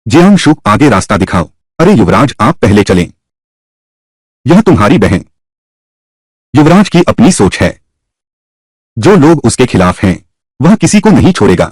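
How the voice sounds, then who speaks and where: A man dubbing a historical costume drama, voicing many characters in a lively, shifting way. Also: mid-range voice, moderate pace, long pauses, slightly rough, no room sound, clean studio sound. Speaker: dubbing narrator voicing all roles. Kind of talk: Hindi dub of a historical drama.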